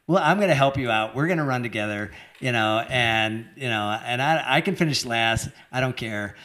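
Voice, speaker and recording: An older man, a former marathon runner, telling stories in a relaxed interview, laughing often and acting out the people he quotes. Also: mid-range voice, normal speed. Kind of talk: casual storytelling interview.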